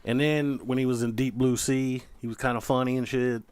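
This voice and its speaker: A man's voice: mid-range voice, fairly even intonation, a little fast, a little mellow, clear, resonant tone, no echo. A man co-hosting a casual comedy podcast, swearing freely and telling crude stories. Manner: profane, storytelling, laughs a lot.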